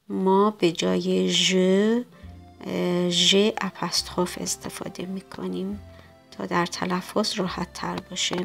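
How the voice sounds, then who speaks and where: A woman teaching a French lesson, reading French words slowly and then translating each one. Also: lowish voice, gravelly. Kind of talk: recorded language lesson.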